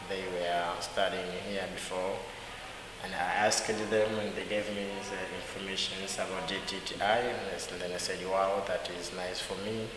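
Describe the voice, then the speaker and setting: A man's voice: sits low, flat delivery, moderate pace, crowd noise. A man from Dar es Salaam with a Tanzanian accent and non-native English phrasing, answering interview questions conversationally. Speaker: interviewee, hospitality student. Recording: echoey hall, hissy background noise.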